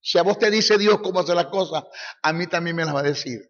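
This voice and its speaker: A man preaching a sermon as a Bible teacher, forceful and mocking, hammering his points through repetition, in an echoey hall on a dull, lo-fi recording. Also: sits high, fast.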